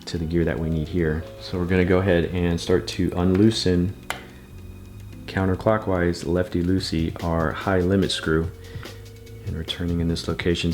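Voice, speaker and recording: Man, deep steady monotone, patient step-by-step repair lesson, faint music behind. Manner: patient, methodical, repeats steps. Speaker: bike repair instructor.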